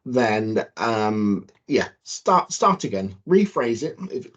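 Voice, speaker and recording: A man's voice: on the low side, very animated, slow, a bit bright, breathy edge, poor audio. A man co-presenting an awareness talk to students over a video call, explaining and demonstrating his points. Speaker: guest presenter.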